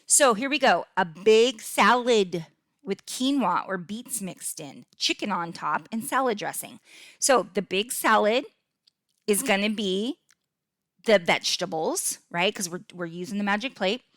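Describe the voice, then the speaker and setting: A middle-aged woman talks through nutrition tips on her podcast in an upbeat, chatty way, often pausing to ask "okay?" Her voice sits at an ordinary pitch. The recording is dry and close, with no room sound. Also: animated, a bit bright, no room sound. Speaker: podcast host and fitness coach. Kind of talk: casual instructional podcast.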